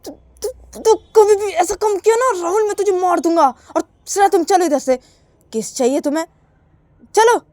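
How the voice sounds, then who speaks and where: A woman voicing a fiery, protective elder sister who scolds in a shrill, stammering voice. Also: steady tone, unhurried, dry recording. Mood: furious.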